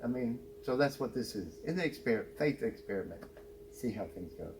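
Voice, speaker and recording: A man who is a guest on a casual radio interview, talking about his film in a halting way with repeated words. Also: mid-range voice, animated, darkish tone. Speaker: guest, filmmaker. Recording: noisy with hum.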